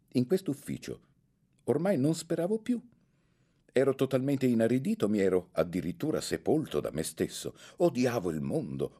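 Man voicing a calm middle-aged school director. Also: deep voice, full character voice. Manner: manly and composed. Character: male school director in his forties, calm and emotional.

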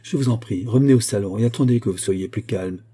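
Gentle young man in a storybook, read by a man quiet and subdued, with a dark, husky tone. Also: lowish voice, fast talker. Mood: concerned. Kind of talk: audiobook character voice.

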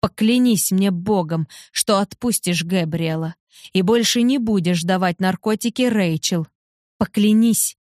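A woman's voice: mid-range voice, a little slow, darkish tone, dry recording, clean studio sound, close to an everyday voice. A woman voicing a tearful, defiant young heroine. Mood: pleading. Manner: intense, emotional.

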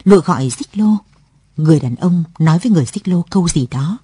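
Husky, low woman reading a story. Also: no echo. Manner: calm, measured storytelling. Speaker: story narrator. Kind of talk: scripted narration. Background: faint music.

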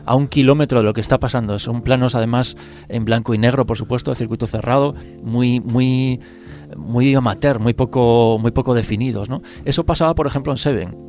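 Fast-talking man from a Spanish film podcast. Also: medium pitch, a little mellow, faint music behind. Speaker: podcast panellist. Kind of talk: casual film discussion.

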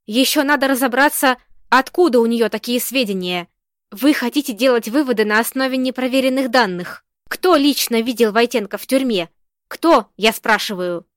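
A woman reading the lines of an irritable male policeman who snaps and nearly shouts. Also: on the high side, normal speed, dry recording, clean studio sound, natural voice. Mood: angry. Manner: snapping, near shouting.

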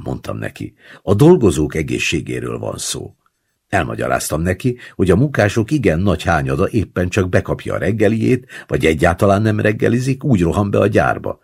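A man narrates a short story in the first person with measured, wry delivery. His voice sits very low and has a gravelly edge. His pitch still moves expressively through the telling. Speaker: audiobook narrator.

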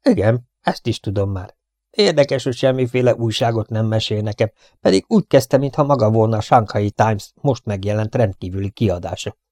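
A man's voice: on the low side, lively intonation, a little mellow, dry recording, clean studio sound, lightly acted. A man voicing a cheeky, mocking young male rogue in a storybook reading. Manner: sarcastic.

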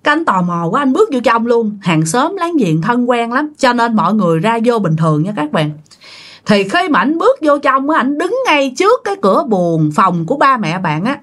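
A woman's voice: on the high side, very animated, normal speed, a bit bright. A woman telling a ghost story casually, chatting directly to her listeners.

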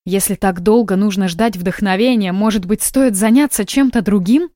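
A woman's voice: mid-range voice, moderate pace, no echo, clean studio sound, close to an everyday voice. A woman reading a tired, defiant young wife who speaks sharply and indignantly, in an audiobook. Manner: weary, then sharp and indignant.

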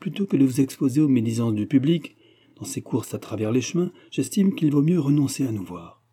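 A man's voice: mid-range voice, expressive, fairly quick, warm tone, husky, voice pushed up. A man voicing a cold, manipulative young man in an audiobook, speaking curtly and with irony. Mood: cutting. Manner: curt, ironic.

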